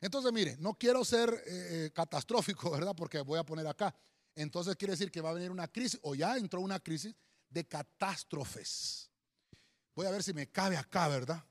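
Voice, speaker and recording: A male pastor preaching a sermon. He speaks emphatically, often calls listeners "hermano", and pauses to write and spell words on a board. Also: on the high side. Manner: teaching at a board, writing and spelling words aloud. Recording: long hall reverb.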